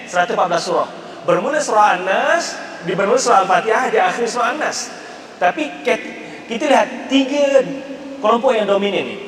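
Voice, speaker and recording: A man with a Malaysian Malay accent giving an animated religious lecture, imitating regional dialects. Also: high voice. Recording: echoey hall, voice from far.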